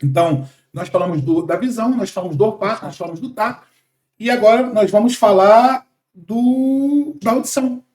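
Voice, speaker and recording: Brazilian guy in his 40s explaining sales stuff, animated and emphatic, echoey room. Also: high-pitched, moderate pace. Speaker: sales trainer guest. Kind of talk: podcast conversation.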